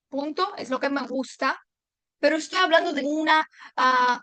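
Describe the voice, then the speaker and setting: A woman teaching a language lesson, patient, repeating words slowly and clearly. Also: high voice, a bit bright, no room sound, rough recording.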